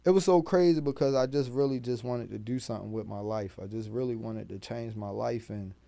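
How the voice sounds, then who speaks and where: A man with a Baltimore accent, a podcast guest telling street-smart stories in a casual, profane, animated way. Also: mid-range voice, fairly quick, creaky, no room sound. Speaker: guest, rapper and food truck owner.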